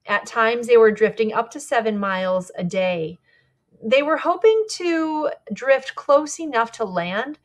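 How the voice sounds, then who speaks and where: A woman guide giving a slide presentation about a polar expedition, speaking conversationally with small slips and corrections. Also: medium pitch.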